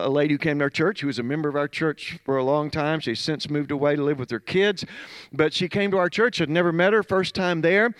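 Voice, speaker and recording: A middle-aged pastor preaching a sermon, telling stories earnestly and dropping to soft low tones. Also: male voice, no echo.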